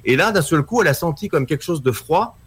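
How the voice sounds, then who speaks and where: A man, a guest telling a personal story in a casual talk, lively and full of fillers. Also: fairly high pitch, quick pace, slightly rough. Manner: animated anecdote telling, with many fillers and acted quotes.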